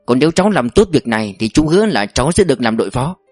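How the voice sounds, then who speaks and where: A man's voice: medium pitch, sing-song, fast, darkish tone, no echo, clean studio sound, faint music behind. A man reading an audiobook voices an older bank executive's assistant who gives firm, calculating orders. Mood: commanding. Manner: firm, commanding.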